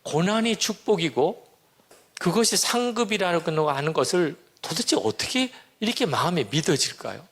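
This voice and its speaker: Pastor in his sixties, male, gravelly, earnest storyteller preaching a testimony. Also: a little high, a bit bright. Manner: earnest storytelling, acts out quoted prayers and dialogue. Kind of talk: sermon testimony.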